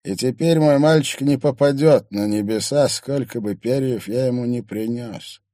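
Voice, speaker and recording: A man reading an audiobook, voicing a kind old man who speaks slowly and sadly, with no hatred in his voice. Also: mid-range voice, dark tone, no room sound, studio quality, voice pushed up, lightly acted. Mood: sorrowful. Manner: slow, mournful, without hatred. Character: gentle old widowed man, sorrowful and kind.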